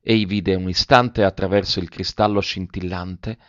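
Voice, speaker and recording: A man narrating a novel aloud in a measured, even literary reading. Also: low voice, dry recording. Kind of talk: audiobook narration. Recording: dull lo-fi recording.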